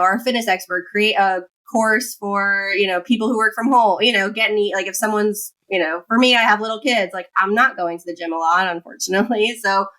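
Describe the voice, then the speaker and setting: A woman's voice: medium pitch, sharp tone. A woman in her thirties, a guest on a podcast, chatting casually with many fillers and frequent "in my opinion". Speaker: guest, finance founder.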